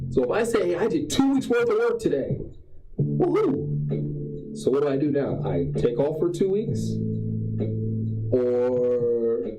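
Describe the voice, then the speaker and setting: A man's voice: fairly high pitch, dark tone. A man streaming live, giving a rambling, preachy pep talk and repeating his points for emphasis. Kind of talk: casual motivational monologue. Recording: roomy sound with faint guitar music behind.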